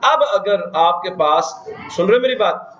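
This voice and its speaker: A man's voice: high-pitched, expressive, measured pace, a bit bright, slight background noise. A man teaching a math class, often asking the students questions and counting places aloud. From Pakistan. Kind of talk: classroom lecture. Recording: echoey classroom, dull lo-fi sound.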